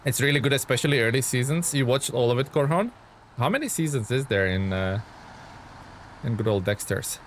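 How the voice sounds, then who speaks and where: A Lithuanian man chats loosely on a live game stream, reading out viewer comments and answering them with plenty of fillers. His mid-range voice is lively in intonation, a little fast and fairly bright, with a little hiss or hum in the background.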